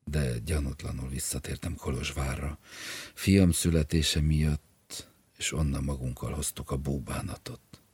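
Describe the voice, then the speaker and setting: A grieving, troubled male scholar, read by a man for an audiobook, speaking in a hushed, sorrowful way. His voice is extremely deep and rough with rasp, and the sound is dry. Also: steady tone, dry recording, exaggerated voice. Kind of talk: audiobook reading.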